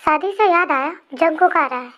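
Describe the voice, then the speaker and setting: A woman's voice: very high-pitched, normal speed, dull audio. A woman voicing an overworked sister-in-law who complains and scolds the family, in a fan storybook reading. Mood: scolding. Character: nagging sister-in-law, busy homemaker.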